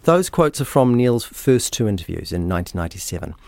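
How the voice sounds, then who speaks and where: A man, hosting and narrating a true-crime story in a measured, matter-of-fact way. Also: fairly low pitch, sing-song, creaky, darkish tone, no room sound. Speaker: podcast host.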